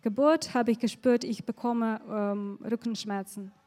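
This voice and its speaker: Woman interpreting on the fly, lots of ums, fairly high voice but flat. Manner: halting, searching for words, many fillers. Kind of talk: live consecutive interpreting.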